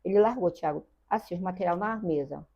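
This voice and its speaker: Gravelly older Brazilian woman, earnest storytelling. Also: fairly low pitch, fairly quick, warm tone. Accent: Brazilian Portuguese. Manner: earnest, repeats phrases, addresses the host by name. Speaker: interview guest. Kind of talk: emotional personal storytelling. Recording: dull lo-fi sound.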